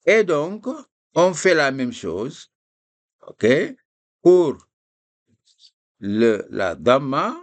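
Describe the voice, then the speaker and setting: A man teaching Arabic reading in French, slowly spelling out syllables for students to repeat. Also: medium pitch, sing-song. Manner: addresses listeners as "les gars". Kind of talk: screen-shared lesson.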